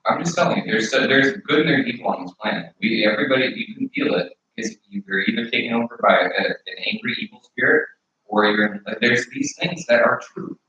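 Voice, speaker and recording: A man's voice: medium pitch, big pitch swings, fairly quick, vocal fry, pushed and bright, slight background noise. A man talking casually and earnestly, rambling with many restarts as he argues his point. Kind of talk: casual argument. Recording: echoey room, far from mic, dull.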